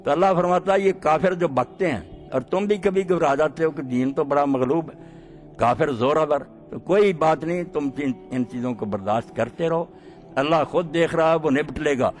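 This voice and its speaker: A man preaching a sermon, impassioned and swinging between quiet and loud delivery. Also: on the high side, faint music behind.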